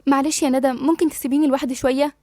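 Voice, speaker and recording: A woman's voice: high-pitched, steady tone, very fast, darkish tone, no room sound, studio quality, close to an everyday voice. Woman reading as a dazed young pregnant woman. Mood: subdued. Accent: Egyptian. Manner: faint, tired and confused. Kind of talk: audiobook dialogue reading.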